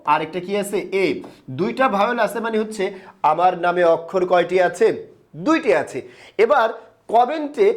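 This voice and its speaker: High-voiced man teaching a grammar lesson. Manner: step-by-step, asks questions and answers them.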